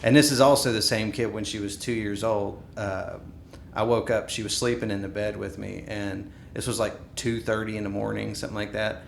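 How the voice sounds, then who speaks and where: A man in his thirties telling stories in a casual podcast chat, animated, acting out what people said. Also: fairly quick, creaky. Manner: animated storyteller, acts out quotes. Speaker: podcast co-host. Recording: echoey room with faint rumble.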